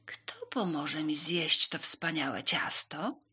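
A woman's voice: deep voice, takes it slowly, pushed and bright, slightly rough, heavily acted. A woman voicing a hardworking little red hen in a children's storybook, speaking earnestly and with emphasis.

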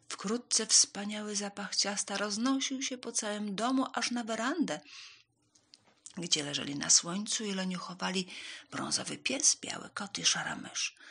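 Animated woman reading a fairy tale. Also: medium pitch, husky. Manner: animated, expressive storytelling. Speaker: storyteller.

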